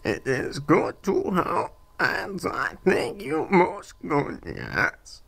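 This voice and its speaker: A male voice playing a polite lipless creature in a game, with a synthetic-sounding robotic voice that is gravelly, hard to understand, and stilted and formal in its phrasing. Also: a little high, wildly swooping pitch, extremely slow, fairly bright tone, exaggerated voice.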